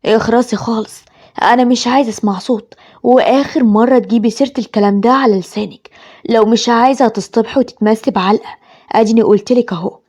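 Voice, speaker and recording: A woman's voice: a little high, fast talker, darkish tone, natural voice. A woman with an Egyptian accent voicing a harsh, controlling young husband who speaks in threats and commands. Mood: threatening. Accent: Egyptian Arabic.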